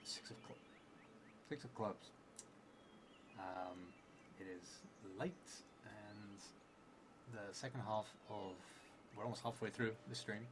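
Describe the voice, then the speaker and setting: Sitting at a table in a theatre's indoor room, this solo tabletop roleplay streamer narrates his game live, reading prompts aloud and tossing in casual asides. He is a man with a low voice from outside England who speaks slowly with frequent pauses, hesitating and muttering as he thinks aloud. The stream audio is clearly noisy.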